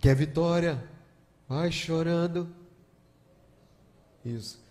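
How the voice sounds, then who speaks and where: A guest pastor, preaching a sermon and telling stories, moving from hushed to loud emotional appeals. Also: male voice, fairly high pitch, very slow. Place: large church hall. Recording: long church-hall reverb.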